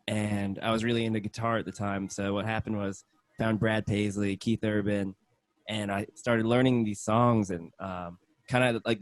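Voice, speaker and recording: Low-voiced man, casual guest talk. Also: no room sound. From Hong Kong. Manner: casual with fillers. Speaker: guest, country singer. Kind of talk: casual interview answers.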